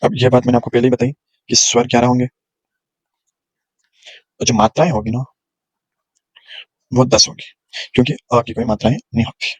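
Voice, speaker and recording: A man's voice: mid-range voice, fairly even intonation, moderate pace, pauses often, breathy edge, poor audio. A male teacher giving a grammar lesson, explaining patiently and sounding out letters one at a time. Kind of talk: classroom lecture on grammar.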